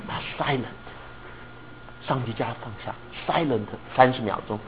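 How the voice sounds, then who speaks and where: A man preaching a sermon, telling a story in an animated way, often asking listeners if they understand and mixing English words into his speech. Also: medium pitch, normal speed, highs cut off, slight background noise. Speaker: pastor.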